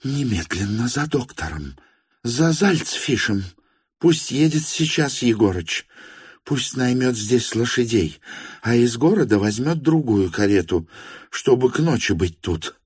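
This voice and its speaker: A man voicing an imperious, agitated older noblewoman in an audiobook reading, shrill and commanding. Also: big pitch swings, measured pace, a little mellow, slightly rough, no echo, studio quality. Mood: frantic. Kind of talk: audiobook character voice.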